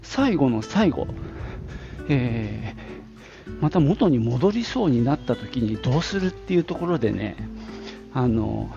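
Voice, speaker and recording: A man's voice: medium pitch, very animated, slow, creaky, dark tone, faint music behind. A man in his late fifties hosting a casual audio diary podcast, chatting and rambling with many fillers while he walks outdoors to work, slightly out of breath. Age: 50s. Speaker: podcast host. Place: outdoors on a street, walking to work. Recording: dull lo-fi outdoor recording with wind noise.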